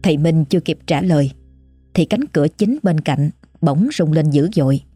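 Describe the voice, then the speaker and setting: In a dry recording, a woman narrates a ghost story with measured suspense. Her voice is low, dark and husky, with faint music playing beneath it.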